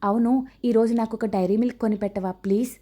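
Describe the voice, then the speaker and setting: A woman's voice: fairly high pitch, steady tone, fast, dark tone, lightly acted. A woman voicing a playful, teasing young woman in a storybook romance. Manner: teasing, cheeky.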